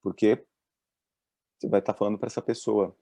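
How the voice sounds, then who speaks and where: A man with a Brazilian accent, a doctor giving a talk on mental health at work, telling lively stories and voicing the people in them. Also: lowish voice, moderate pace, creaky, no echo. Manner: lively storyteller, voices the people in his stories. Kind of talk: presentation with acted-out anecdotes.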